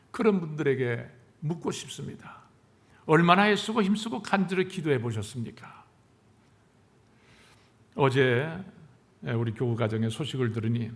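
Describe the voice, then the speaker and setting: A male pastor preaching a sermon in earnest, pushing his voice up on key phrases and letting it fall at sentence ends, slowing down for emphasis. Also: mid-range voice, a bit bright. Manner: measured, earnest delivery with deliberate slowed emphasis.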